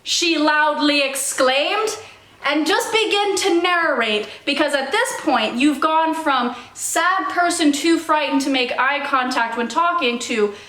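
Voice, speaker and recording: A woman's voice: high-pitched, lively intonation, a little slow, hardly any pauses, fairly bright tone. A young woman co-hosting a comedic advice chat, playful and mock-serious in her delivery. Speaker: co-host. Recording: echoey room.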